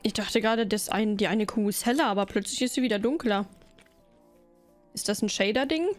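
A woman's voice: mid-range voice, fairly quick, soft background music. A woman streaming a game, chatting playfully with her viewers while she plays. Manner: playful, chatty, talks to chat while playing. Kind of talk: casual gaming livestream chat.

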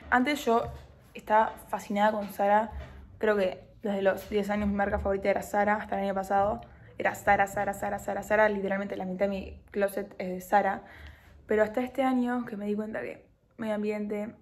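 A young woman with an Argentine Spanish accent, chatting casually to camera in a vlog, self-deprecating and dropping English words into her talk. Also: mid-range voice. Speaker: vlogger.

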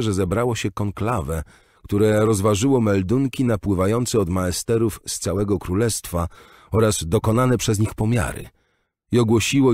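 A man reading an audiobook voices an old male scholar who explains things in a measured, gentle way. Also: on the low side, dry recording, clean studio sound. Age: older. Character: old male maester, patient and learned.

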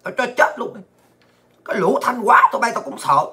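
A woman delivering angry political commentary, ranting abusively and often shouting. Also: a little high, animated, fairly quick. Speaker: political vlogger.

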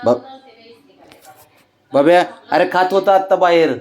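A man's voice: high-pitched, slow, a little mellow. A man, coaxing his pet cat in baby talk and repeating words as he pleads and scolds it tenderly.

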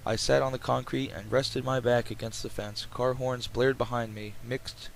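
Male gamer narrator, medium pitch, reading story text with offhand commentary, noticeable background noise. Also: flat delivery, normal speed, rough recording. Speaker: let's player reading a visual novel aloud. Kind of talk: reading game text aloud with casual asides. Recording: clear background noise, game ambience.

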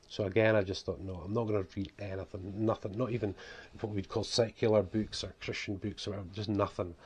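His voice lowish, darkish and slightly rough, a Scotsman in his forties with a broad accent talks unscripted to camera indoors at home in a small room. He's a vlogger and author, and his casual rambling is full of "you know."

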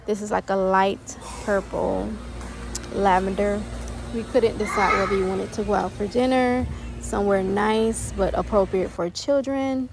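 A woman's voice: mid-range voice, fairly even intonation, a little slow, gravelly, heavy background noise. A young adult woman narrating a family travel vlog, chatty, reviewing a restaurant and its food. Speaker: family vlogger.

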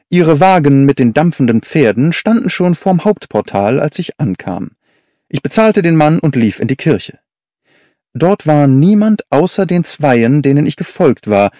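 Lively expressive male storyteller. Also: medium pitch, no echo, clean studio sound. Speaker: audiobook narrator. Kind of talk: scripted literary narration.

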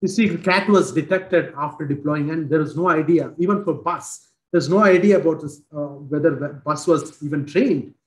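On a roomy video call, an Indian-accented man in his forties speaks into his headset while presenting a technical product demo. He has a fairly high pitch and halts frequently, with lots of fillers and restarts.

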